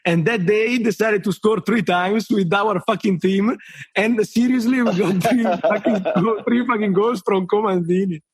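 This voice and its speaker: On a casual storytelling podcast, a listener guest from Italy, an Italian-speaking man in his thirties, comes across as hesitant. His voice is high and slightly rough in a dry recording, and he talks haltingly with plenty of fillers, laughing and swearing freely.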